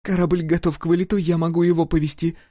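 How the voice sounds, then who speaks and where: A man's voice: on the high side, level tone, quick pace, mellow, no room sound, clean studio sound, voice pushed up, close to an everyday voice. A man voicing a defiant young red-haired woman pilot, throwing insults in an audiobook. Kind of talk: audiobook character voice.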